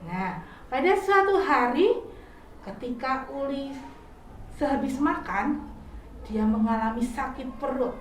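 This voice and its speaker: A woman teacher telling a devotional story to children in a slow, clear storytelling manner. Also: high voice, expressive, slight background noise. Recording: echoey room, from far off.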